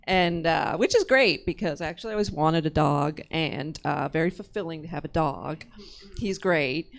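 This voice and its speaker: A woman doing casual stand-up into a stage microphone, conversational and halting, with a self-deprecating manner. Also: low voice, gravelly. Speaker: stand-up comedian.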